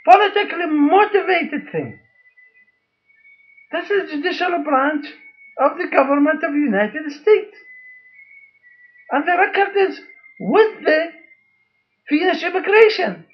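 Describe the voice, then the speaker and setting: Man, very high pitch, slow deliberate emphatic delivery, personal appeal to camera; muffled lo-fi recording. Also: lively intonation. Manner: emphatic and repetitive, halting phrases, holds up documents. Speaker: father making a video appeal.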